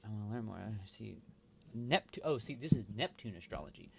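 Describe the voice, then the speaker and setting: A man thinking aloud while he works, mumbling and halting as he talks to himself. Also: on the low side, animated, creaky, a little mellow, slight background noise. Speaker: video host.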